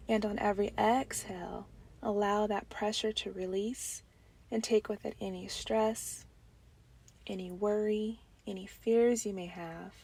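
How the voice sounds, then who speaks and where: Soft and soothing, a medium-pitched woman talks listeners through a guided breathing exercise. Her breathy phrases tend to dwindle almost to a whisper, and she leaves long pauses between them.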